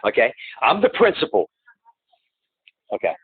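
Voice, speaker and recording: A man on a phone call who talks in a halting, rambling way, restarting and repeating words, and presses his complaints insistently, heard through a phone line. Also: mid-range voice, huge pitch swings, husky, no room sound. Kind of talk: phone conversation. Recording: tinny, dry phone-line recording.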